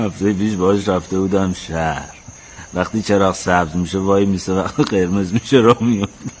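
An actor playing an affectionate grown son who chuckles and teases. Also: male voice, low voice, fairly even intonation, darkish tone, slight background noise, lightly acted. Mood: fond. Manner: chuckling, teasing. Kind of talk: radio drama acting.

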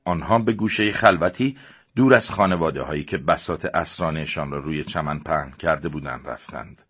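A man narrating a story as an audiobook. He reads plainly and raises his voice for the characters' lines. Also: husky. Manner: reads plainly and shifts up in pitch and loudness for the characters. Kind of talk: audiobook narration voicing the dialogue.

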